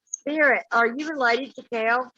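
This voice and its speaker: A woman's voice: fairly high pitch, unhurried, sharp tone, no echo, highs cut off. A woman hosting a live paranormal session in casual chat, putting questions directly to spirits and viewers.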